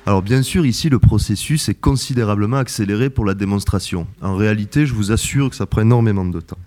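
Male researcher giving a methodical academic presentation, steady and careful, with frequent hesitations. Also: lowish voice, fast, a little hiss or hum. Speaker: researcher presenting his work.

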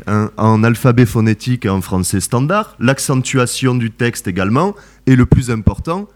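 Male researcher giving a methodical academic presentation, steady and careful, with frequent hesitations. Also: mid-range voice. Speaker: researcher presenting his work.

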